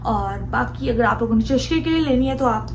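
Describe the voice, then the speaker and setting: Chatty high-voiced young woman vlogging at home. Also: animated, brisk, a little mellow, faint music behind, low-quality recording. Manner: chatty, repeats herself, slips into English words. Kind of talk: casual daily vlog chat. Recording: home video with clear background noise.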